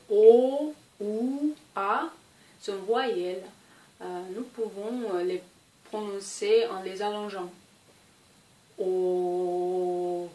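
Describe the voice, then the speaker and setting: A Russian woman with a Russian accent and a mid-range voice patiently teaches an explanatory language lesson, drawing out example sounds. She is far from the mic in an echoey room with faint ambience.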